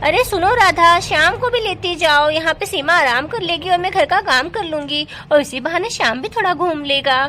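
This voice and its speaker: A caring village mother fusses and gives firm orders in a high voice, as a woman puts her on. She scolds gently and takes charge in a home-made doll story. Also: animated, normal speed, few pauses, slight background noise, full character voice.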